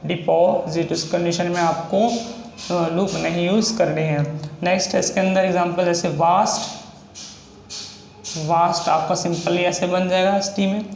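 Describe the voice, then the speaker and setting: A man with a Hindi accent, a shorthand teacher, explaining a lesson and slowly spelling out example words one by one. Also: high-pitched, level tone, darkish tone. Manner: slow, repetitive, drawn-out spelling of example words. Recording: echoey room with faint noise.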